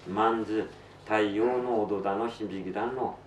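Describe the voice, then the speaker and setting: A man reciting a story theatrically in thick Tsugaru dialect, with drawn-out phrases and raised cries. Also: lowish voice, steady tone. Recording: roomy, distant, noisy live recording.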